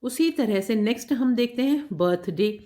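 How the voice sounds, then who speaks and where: A woman's voice: on the high side, animated, moderate pace, dark tone. A woman teacher taking schoolchildren through a workbook lesson, patiently spelling words out letter by letter and checking they follow along. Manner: addresses children directly, checking understanding. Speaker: English teacher.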